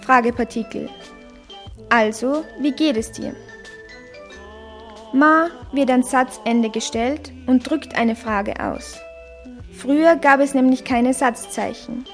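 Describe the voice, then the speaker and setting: A woman calmly narrating a scripted lesson, carefully demonstrating sounds. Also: high voice, soft background music. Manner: slow, careful, demonstrates tones clearly. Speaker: language teacher.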